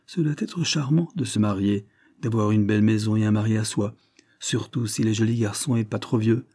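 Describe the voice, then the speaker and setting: A man voicing a chattering young woman, a lord's sister, with a twittering little voice that gushes on without pause. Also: fairly low pitch, warm tone.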